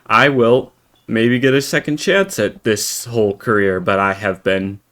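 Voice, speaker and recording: An American man giving in-character roleplay commentary while playing a farming game, halting and rambling with many restarts. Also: on the low side, a bit bright. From United States. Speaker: game roleplayer and channel host.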